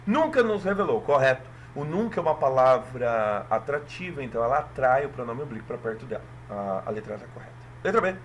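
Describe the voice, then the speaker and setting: A man from Brazil walking through an exam in a lesson, lively and checking in with listeners often. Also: medium pitch, quick pace, few pauses, slight background noise. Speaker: teacher.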